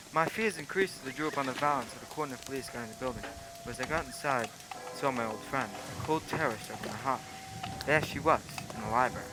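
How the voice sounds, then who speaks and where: A man's voice: mid-range voice, natural voice. A man playing a genial, loyal doctor who courteously tells his old adventures in a radio play. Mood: grave storytelling. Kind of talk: old-time radio play narration and dialogue. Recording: clearly noisy background.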